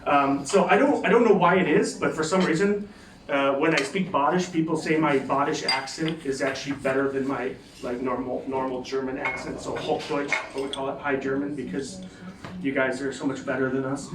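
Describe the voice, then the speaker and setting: A man's voice: medium pitch, steady tone, a little fast. An American man doing a stand-up comedy set in a club, rambling and self-mocking with lots of fillers and restarts. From United States. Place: comedy club stage, live audience. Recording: roomy, distant mic, crowd noise.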